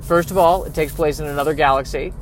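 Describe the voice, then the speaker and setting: A man's voice: on the high side, fairly even intonation, fast, slight background noise, natural voice. A man voicing a personified Science who phones a film to apologetically let it down, hesitant and stammering. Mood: exasperated. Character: awkward personified Science phoning a movie.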